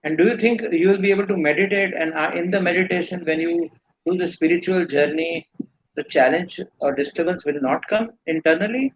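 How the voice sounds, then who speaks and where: A man's voice: a little high, a little fast, dull audio, slight background noise. A man with an Indian accent giving earnest, rambling spiritual teaching in a live question-and-answer session. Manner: earnest, rambling explanations with restarts.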